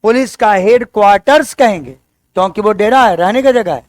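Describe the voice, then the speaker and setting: A man teaching an English lesson, going slowly and repeating key words as he quizzes his students. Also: high voice, dry recording. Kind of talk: exam-prep language lesson.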